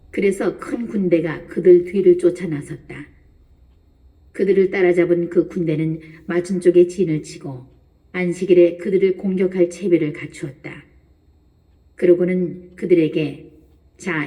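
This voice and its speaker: A woman narrating a Bible reading in a calm, measured way. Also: lowish voice, recorded from a distance.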